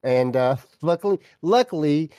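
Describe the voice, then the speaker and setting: A man's voice: on the high side, animated, normal speed, mellow, clean tone, dry recording, studio quality. A man co-hosting a casual comic book podcast, rambling and restarting his sentences as he recaps. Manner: rambling, restarts often, drops into mock voices. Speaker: podcast co-host.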